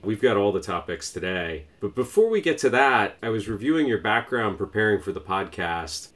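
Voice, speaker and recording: A man hosting a podcast, reading a scripted intro and then asking his guest questions in a measured, curious way. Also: lowish voice. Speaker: podcast host.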